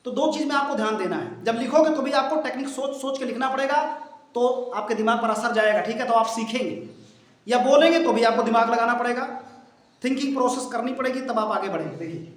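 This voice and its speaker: A man teaches a class, his voice pitched very high. He repeats each English phrase slowly and fires questions at the students. The room rings with strong echo. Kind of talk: classroom lesson. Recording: very echoey classroom.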